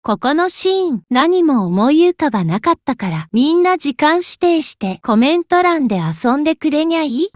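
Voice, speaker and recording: High-pitched woman in playful voice-over. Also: sing-song, normal speed, hardly any pauses, no echo, clean studio sound. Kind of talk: playful voice-over aside to viewers.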